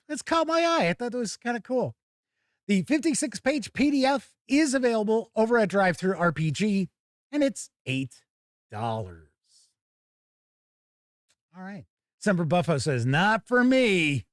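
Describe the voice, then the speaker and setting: Reading news blurbs and viewer comments on a tabletop gaming show, a man with a voice on the high side keeps things casual and adds dry asides. The sound is studio quality without echo.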